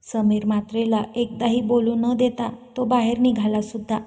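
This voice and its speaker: A woman narrating a serialized drama story in a steady reading. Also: a little high, moderate pace.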